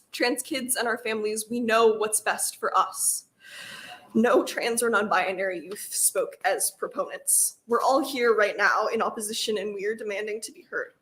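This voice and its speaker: A woman's voice: on the high side, moderate pace, fairly bright tone. Earnest young woman giving testimony. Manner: earnest, firm, reading a prepared statement. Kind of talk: prepared public testimony.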